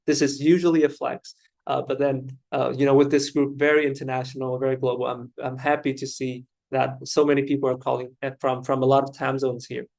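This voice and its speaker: Chatty man moderating a webinar, flat. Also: mid-range voice, a little fast, vocal fry. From Vietnam. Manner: chatty, self-deprecating, with frequent fillers. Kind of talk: hosting an online webinar. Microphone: video call.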